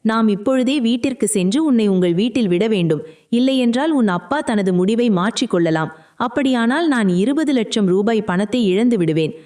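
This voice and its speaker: A woman voicing a scheming, greedy young groom in a storybook narration, read in a plain, even way. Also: fairly high pitch, normal speed, close to an everyday voice. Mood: cold.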